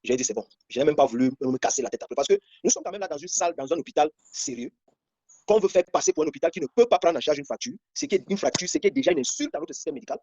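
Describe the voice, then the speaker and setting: A man's voice: fairly high pitch, big pitch swings, racing, darkish tone, dry recording. A man from Cameroon hosting an online discussion, commenting on photos and repeating himself in indignation.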